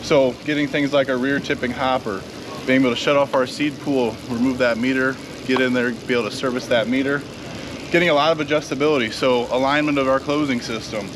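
A man in his thirties from a product support team, giving a quick, technical demo at a trade show. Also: fairly even intonation. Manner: quick, technical, rehearsed pitch. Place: large indoor trade show hall. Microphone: camera at short distance. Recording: noisy trade show floor. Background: crowd and hall noise.

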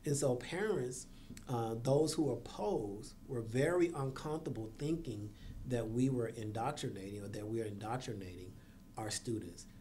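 A man's voice: mid-range voice, normal speed, warm tone, slight background noise. A man speaking as a guest on a school district podcast, earnest, with sarcastic asides. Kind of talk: podcast conversation.

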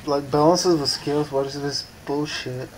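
Slow-talking tipsy male co-commentator. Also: on the high side, fairly even intonation, a little hiss or hum, poor audio. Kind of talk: casual commentary banter.

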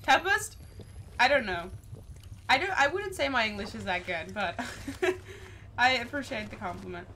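A woman's voice: a little high, animated, normal speed, long pauses, bright, forceful tone. A young Dutch woman with a Dutch accent, chatting casually and laughing while she streams a game and reads her chat aloud. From Netherlands. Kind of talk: casual gameplay livestream chatter. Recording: clear background noise.

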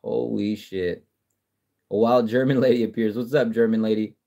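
A man hosting a casual sports livestream, reading viewer comments and talking trash in a profane, excitable way with frequent restarts. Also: mid-range voice, fast talker. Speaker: livestream host. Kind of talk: casual live-stream chat reading comments.

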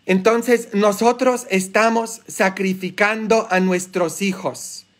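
Animated priest preaching a homily. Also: male voice, high voice, slow. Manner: colloquial and joking. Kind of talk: live-streamed Sunday homily.

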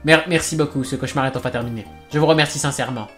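A man voicing a grateful, bouncy little male pig creature from a game, reading its lines aloud with a deliberately bad put-on accent. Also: medium pitch, fairly bright tone, soft background music, natural voice.

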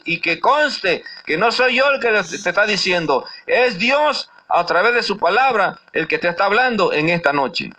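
A man's voice: high voice, bright, forceful tone. A man preaching a sermon, warning his listeners and tagging his sentences with little questions. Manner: admonishing, with constant tag questions.

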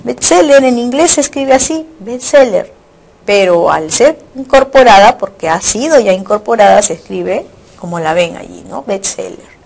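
Animated and moderately paced, this woman teacher has a gravelly, slightly mellow voice at a middle pitch. Recording an online lecture, she breaks things down step by step, says each idea again in new words, and keeps tossing in brief tag questions to her students.

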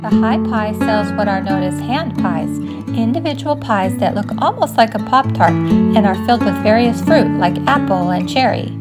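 A woman's voice: medium pitch, expressive, normal speed, over loud music. A woman vlogger chatting casually on a beach outing and narrating a tour of an old cottage. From California. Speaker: vlogger, co-host. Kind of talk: casual chat and read narration.

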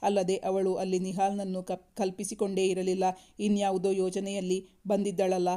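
A woman narrates a story in a steady, measured way. Her voice is deeply mellow and dark, and her intonation stays very flat throughout.

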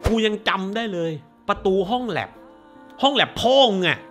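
A man's voice: sits high, lively intonation, moderate pace, bright, forceful tone, faint music behind. A man hosting a movie review show, ranting casually in a crude, profane, sarcastic way.

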